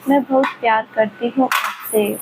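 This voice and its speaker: A woman's voice: a little high, steady tone, moderate pace, background noise, natural voice. A woman voicing a young female student who pleads and apologizes through tears in a storybook reading. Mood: pleading. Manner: soft, apologetic, crying-tinged pleas.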